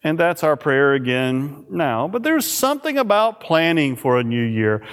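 A pastor preaching a sermon at a pulpit microphone in a church, reading scripture and praying in a measured, emphatic way. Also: male voice, fairly high pitch, sing-song, fairly bright tone, clean tone. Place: church sanctuary. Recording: reverberant church hall.

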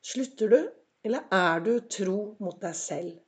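A woman hosting a motivational podcast, a little hoarse from a cold, telling stories and asking her listeners reflective questions. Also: mid-range voice. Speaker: podcast host.

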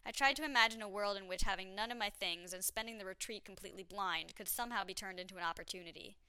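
A woman's voice: medium pitch, fast, sharp tone, smooth, no room sound. A woman narrating her own travel story in a candid, wry, self-mocking way.

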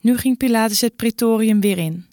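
A woman narrating a Bible passage in an even, measured way. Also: a little high, dry recording, studio quality.

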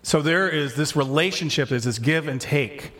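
Pitched on the high side and a bit bright, a pastor speaks at normal speed during his sermon. His style is chatty and self-correcting as he casually works through scripture, starting sentences over often.

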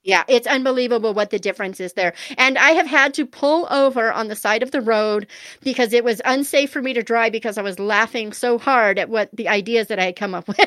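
A woman in her forties, interviewed as an author guest, chats candidly and self-deprecatingly in casual interview answers. Her nasal voice is on the high side and a bit bright, recorded with no room sound.

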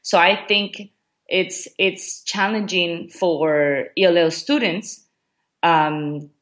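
Speaking slowly in a lowish, fairly bright voice, an education coordinator from Ecuador responds to interview questions in English, her second language after Spanish. She's a hesitant guest, full of ums and false starts.

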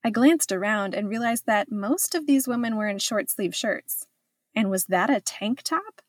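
A woman's voice: mid-range voice, lively intonation, moderate pace, dry recording, clean studio sound. A woman reading her own travel memoir aloud in scripted first-person narration, reflective with a wry edge.

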